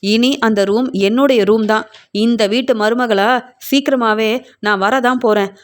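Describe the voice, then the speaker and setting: A woman's voice: on the high side, steady tone, moderate pace, close to an everyday voice. A woman voicing an angry young woman who argues to claim her place in the family, speaking in an accusing tone. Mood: indignant. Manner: accusing, argumentative.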